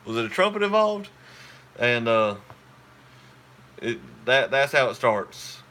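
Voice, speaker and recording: A man rambles through a relaxed live stream and talks straight to his viewers. His voice is bright and forward, and his pitch sits in a middling range. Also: slow. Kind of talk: casual live chat with viewers.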